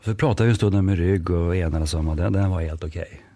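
A man from northern Sweden with a low voice and a Norrland dialect talks in a podcast conversation, telling stories in a lively way and acting out the dialogue. There's no echo on the recording.

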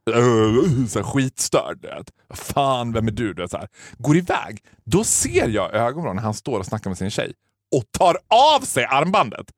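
A man co-hosting a casual comedic podcast chat, telling stories with big swings between hushed asides and mock-dramatic outbursts, mixing languages freely. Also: medium pitch, no room sound, studio quality. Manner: animated storyteller, mixes Swedish and English, bursts into mock-exorcist shouting. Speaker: podcast co-host.

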